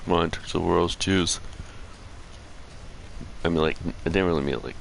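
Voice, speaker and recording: Deep, gravelly male game streamer. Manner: halting, often repeats and rereads phrases. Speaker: video game live streamer. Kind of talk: casual game stream commentary, reading on-screen text aloud. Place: at home. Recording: noisy home stream microphone.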